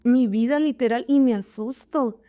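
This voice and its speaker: A woman's voice: on the high side, moderate pace, warm tone. A woman who is an interview guest, telling her life story in an emotional way and repeating words as she remembers. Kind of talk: personal life story in conversation.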